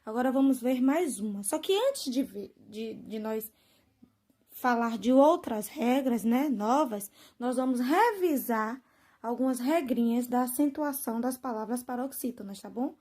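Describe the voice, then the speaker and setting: A woman teacher, giving a lesson to children, drawing out example words slowly and often checking that they follow. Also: fairly high pitch, dark tone. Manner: slow drawn-out stress on example words, frequent "né?" and "tá bom?" checks.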